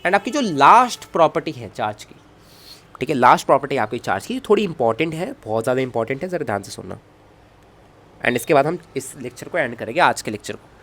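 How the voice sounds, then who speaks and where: Talking fast in a mid-range, sing-song voice with a fairly bright tone, a man works through a physics lesson at a whiteboard for an online class. Jokey remarks and self-talk accompany his writing as he constantly prompts students with check questions.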